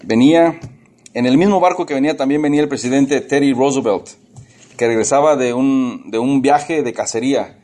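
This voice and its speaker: Preacher, talky and repetitive. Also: male voice, medium pitch, normal speed, a little mellow. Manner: conversational, repeats and restarts words. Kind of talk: casual sermon.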